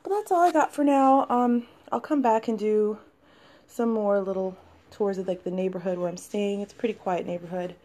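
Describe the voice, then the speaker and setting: Filming on a handheld phone, a young DC-area vlogger gives a relaxed walking tour of her apartment, moving between rooms and filling her rambling talk with "like." She speaks at a normal speed with a warm, medium-pitched voice.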